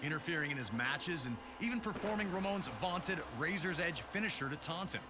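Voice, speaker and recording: A man with a voice on the high side reads a script narrating wrestling history, delivering it with a lightly acted, dramatic and emphatic hyped-announcer style. A music bed plays beneath his voice.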